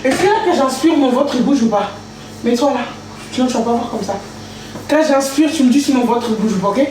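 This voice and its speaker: High-voiced woman streaming live from home. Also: brisk, a little mellow, recorded from a distance. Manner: playful, chatty, sings to herself. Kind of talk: casual live stream chat. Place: home kitchen. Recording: echoey room with background noise.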